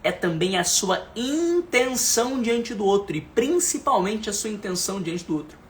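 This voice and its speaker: A man's voice: sits high, normal speed. Emphatic man coaching. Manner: emphatic and repetitive, often dropping to a soft calm voice. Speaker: leadership and speaking coach. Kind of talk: motivational lesson.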